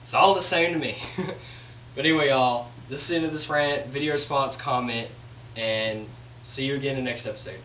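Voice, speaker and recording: A man's voice: medium pitch, brisk, pushed and bright. A young man vlogging a blunt, profane rant. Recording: roomy echo, distant mic, faint hum.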